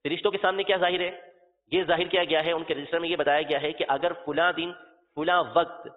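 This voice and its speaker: A man delivers a religious lesson in a somewhat high voice, walking through his points slowly and patiently. He restates each example and spells out terms letter by letter. The recording is thin and phone-like, with a long, trailing reverb. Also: steady tone. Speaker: religious teacher. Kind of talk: religious lecture.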